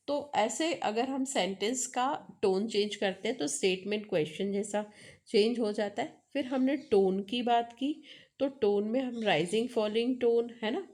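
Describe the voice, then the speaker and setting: Slow, high-pitched teacher with an Indian accent. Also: female voice, darkish tone. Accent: Indian English. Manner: explains step by step, mixing Hindi and English, checks understanding with tag questions. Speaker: English teacher. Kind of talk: classroom lecture on phonology.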